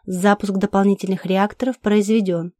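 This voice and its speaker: A woman voicing a pleasant female starship computer that makes calm, measured announcements in an audiobook. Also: medium pitch, dry recording, studio quality, natural voice.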